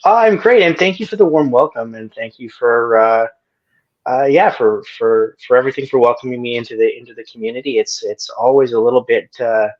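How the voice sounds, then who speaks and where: Male debate guest, halting and casual, muffled lo-fi line. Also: mid-range voice. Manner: hesitant, many restarts and fillers.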